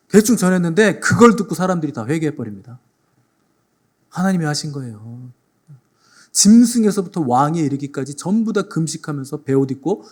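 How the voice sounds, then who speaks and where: A man pastor preaching a sermon with animated storytelling who addresses the congregation directly. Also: fairly high pitch.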